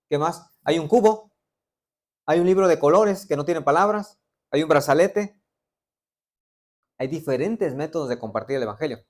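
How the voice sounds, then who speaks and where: A middle-aged man preaching with a Veracruz Mexican Spanish accent, his voice sitting somewhat higher than most men's. He keeps the congregation involved, firing questions at them and dropping playful jokes between points. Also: a little mellow. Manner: interactive, quizzing the congregation with joking asides. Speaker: pastor. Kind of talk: sermon.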